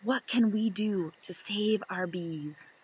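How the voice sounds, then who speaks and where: A woman reads a picture book aloud to young children, expressive and instructive, asking her listeners questions and then answering them. Her mid-range voice is husky and slow, and the audio quality is poor.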